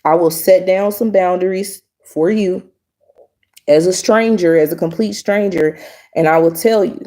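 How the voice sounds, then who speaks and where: A woman speaking straight to camera in a frank, unvarnished monologue. Her voice sits a little low and has a mellow, soft-edged tone. She hammers her points home by saying them again and again. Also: a little slow. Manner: blunt, emphatic, repeats her points. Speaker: vlogger. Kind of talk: casual opinion monologue to camera.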